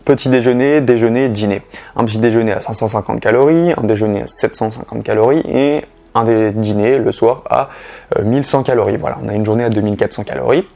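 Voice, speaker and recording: A man's voice: mid-range voice, quick pace, vocal fry, dark tone. A young man with a French accent giving fitness and diet tips in a casual, direct vlog, talking straight to the viewer. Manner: chatty, direct, addresses viewer informally. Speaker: fitness youtuber.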